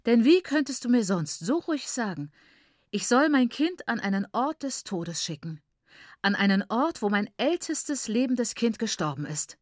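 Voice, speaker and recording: A woman reading an audiobook, voicing a distraught mother who accuses her husband in a shrill, raised voice, recorded dry. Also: big pitch swings, moderate pace, no echo. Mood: outraged. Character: distraught mother, furious with grief.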